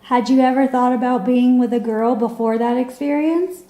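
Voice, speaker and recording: A woman's voice: sits high, fairly even intonation, moderate pace, lo-fi sound. A woman interviewer asking probing questions casually, laughing and sometimes restarting her sentences. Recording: echoey room.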